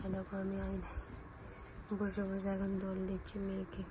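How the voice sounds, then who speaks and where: A woman's voice: medium pitch, monotone, normal speed. Young woman, chatty home vlogger on a phone camera, noisy background. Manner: chatty, addresses viewers as friends. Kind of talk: casual daily vlog talk.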